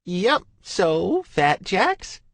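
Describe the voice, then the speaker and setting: A sugary, scheming young woman , as a male narrator puts her on drawls her words in a sing-song lilt, pitched far above his own voice and swooping widely. The audiobook read is dry and close. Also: wildly swooping pitch, extremely slow, gravelly, fairly bright tone, no echo, exaggerated voice. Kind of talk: audiobook character voice.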